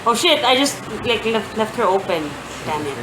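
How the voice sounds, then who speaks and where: A woman's voice: fairly high pitch, very animated, normal speed. A woman playing a tabletop game, chatting casually in a blunt, sweary way. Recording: echoey room, clear background noise.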